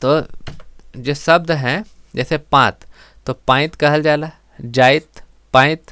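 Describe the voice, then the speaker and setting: Clear-voiced male grammar teacher, dry sound. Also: a little high, fairly even intonation, sharp tone, no room sound. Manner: explains step by step, often repeating words slowly for emphasis. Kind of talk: exam-prep grammar lesson.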